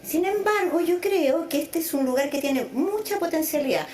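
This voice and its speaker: In a conversational interview, a Chilean-born psychologist raised in Venezuela, a middle-aged woman, talks thoughtfully and draws out words to stress them. She sounds high-pitched and expressive at normal speed, slightly mellow, in a roomy space.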